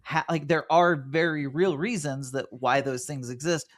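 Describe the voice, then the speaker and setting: A man's voice: on the high side, steady tone, no echo. Man hosting a podcast, dry close sound. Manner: guiding, affirming, quick back-and-forth. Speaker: podcast host. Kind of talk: casual podcast discussion.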